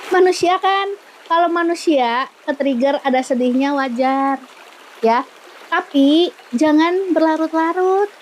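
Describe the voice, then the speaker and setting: A young woman with a high voice and a Sundanese lilt talks the listener through a lesson in a loose, playful way. She giggles often and keeps dropping in pious exclamations. A faint hiss of background noise sits under her voice. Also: measured pace. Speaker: manifestation coach. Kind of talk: casual teaching talk.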